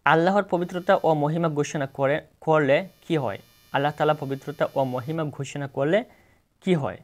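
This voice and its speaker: Reading out multiple-choice questions and answers, this Bangladeshi Bengali-accented tutor keeps a plain, steady delivery at normal speed and occasionally corrects himself. His pitch is on the high side.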